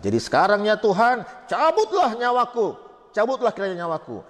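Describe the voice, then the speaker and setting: A man's voice: sits high, huge pitch swings, fairly quick, pitched above the performer's own voice. A man voicing a bitter prophet who pleads in anguished prayer, in a sermon. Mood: bitter pleading. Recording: echoey hall.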